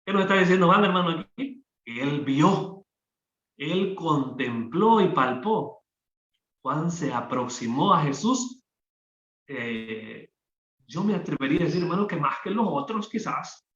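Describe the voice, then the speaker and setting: A man's voice: on the high side, lively intonation, a little slow, fairly bright tone. Man preaching in an echoey hall. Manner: emphatic, addresses listeners as "hermano" and keeps asking "¿verdad?". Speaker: minister. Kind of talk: sermon. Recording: echoey, dull church recording.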